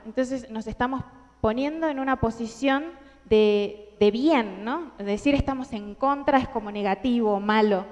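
On the high side and a little mellow, a young woman's voice carries an Argentine Spanish accent through a large indoor hall with hall reverb. She's a conference speaker giving an earnest talk to a big audience, restarting often and leaning on fillers.

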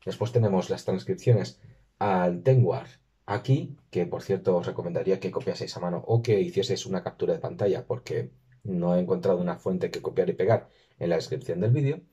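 Man, lesson narration, dark mellow husky voice, dull lo-fi sound. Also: sits low. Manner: careful, slows and stresses words when modelling pronunciation. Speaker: language teacher. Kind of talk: screen-recorded lesson narration.

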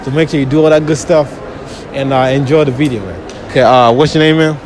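A young Nigerian man interviewing strangers in a busy shopping mall with a handheld mic, talking in a lively, laughing way and repeating himself. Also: on the high side, quick pace, a crowd in the background. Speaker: street interviewer and host. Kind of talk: street interview. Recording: noisy mall ambience.

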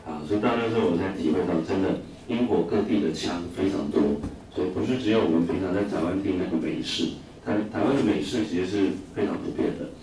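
In a noisy, echoey classroom heard through a distant mic, a man from Taiwan talks fast in a low-pitched voice. He teaches English words to his students in a chatty lecture full of anecdotes, filler sounds, and questions to the class.

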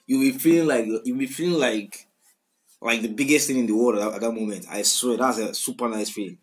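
A reaction video host in his twenties, Nigerian-accented, speaks at medium pitch and a fairly quick pace. He offers casual takes on songs and repeats the lyrics slangily, indoors in a small room at home while music plays.

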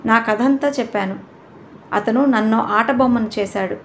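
A woman's voice: on the high side, normal speed, a little hiss or hum, lightly acted. A woman reading an audio novel voices a proud, touchy young woman who answers back defensively. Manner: defensive, indignant.

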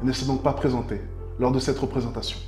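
A man in his twenties narrates to camera in formal wording. His voice is mellow and quick, in a roomy space with music underneath. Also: mid-range voice, little pitch movement. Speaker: presenter of a loyalty test video. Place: living room, indoors.

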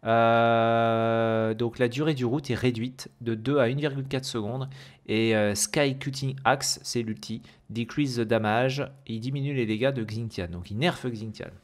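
A man's voice: medium pitch, steady tone, unhurried. Hesitant man talking through game patch notes. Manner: hesitant, many fillers and self-corrections; reads English terms with a heavy French accent. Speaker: gaming video host.

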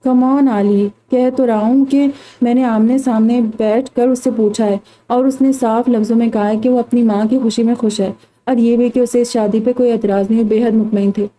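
Calm fatherly man in a storybook, read by a woman, coaxing and even, low-key delivery. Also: moderate pace, natural voice, low-quality recording. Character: stern loving older father, middle-aged man.

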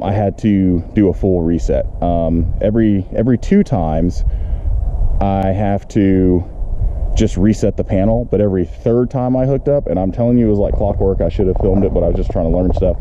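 A middle-aged man with a low, dark voice rambles through a casual how-to, thinking aloud into a handheld camera. He starts outdoors beside a camper and later moves inside it. The camera audio is muffled, with clear background noise.

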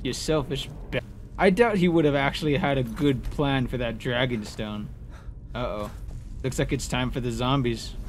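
At a normal speed and medium pitch, a gamer chats casually through his let's play. He's playful, exclaiming and goading his enemies, and the recording has a clearly noisy background of game ambience.

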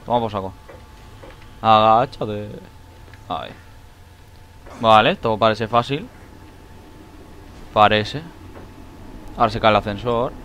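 A man giving excitable let's play commentary, shrieking when he panics. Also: on the low side, slow, pauses often, a little hiss or hum. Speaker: gaming YouTuber.

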